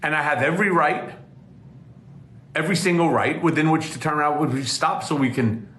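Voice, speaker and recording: A man's voice: on the high side, a little fast, a bit bright, slight background noise. A man ranting on a livestream in an exasperated, scolding way, telling off his chat. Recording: roomy echo.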